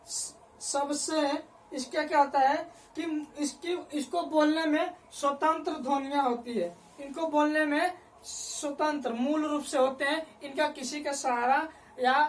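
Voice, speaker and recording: High-pitched woman teacher, slow repetitive dictation to a class, mic set back from her. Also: steady tone, slight background noise. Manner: repeats phrases slowly for students to write down; asks the class questions and answers them herself. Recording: voice picked up from a distance.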